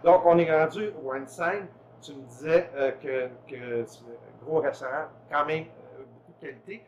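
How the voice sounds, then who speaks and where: A male host runs a casual interview in a somewhat high voice. He keeps things moving with short questions and quick replies. A faint kitchen ambience sits behind him. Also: darkish tone, slight background noise. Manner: conversational, prompts with short questions and backchannels. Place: production kitchen.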